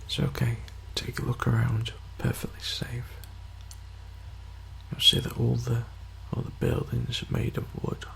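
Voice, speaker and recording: Very slow, hushed man guiding a meditation. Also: mid-range voice, completely flat delivery, gravelly, a little hiss or hum. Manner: hushed, soothing, half-whispered with long pauses. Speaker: guided meditation narrator. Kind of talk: whispered ASMR guided meditation.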